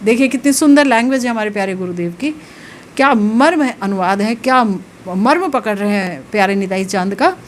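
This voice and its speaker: A woman spiritual teacher giving a devotional discourse, telling a sacred story slowly and with rising emotional emphasis. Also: mid-range voice, lively intonation, a little hiss or hum.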